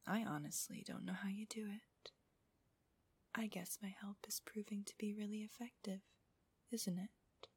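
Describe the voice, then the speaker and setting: A woman narrating an adult ASMR audio in a soft, breathy whisper, with a slow, intimate and teasing manner. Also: medium pitch, fairly even intonation. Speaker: host of erotic relaxation audios.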